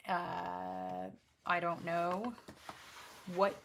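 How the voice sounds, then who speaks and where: A woman speaks in a fairly low register with a slightly gravelly edge. She hosts a casual art demonstration in a chatty, unscripted way. Her talk rambles, with self-interruptions and an apologetic manner. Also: big pitch swings, very slow, a bit bright, slight background noise. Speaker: host of an art livestream swatching watercolors. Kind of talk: casual chat to camera while demonstrating. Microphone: backup microphone.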